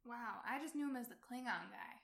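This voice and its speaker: A woman's voice: on the high side, fairly quick, creaky, a bit bright. A woman co-hosting a casual chat, throwing in short teasing remarks and comebacks. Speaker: podcast co-host. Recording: roomy echo.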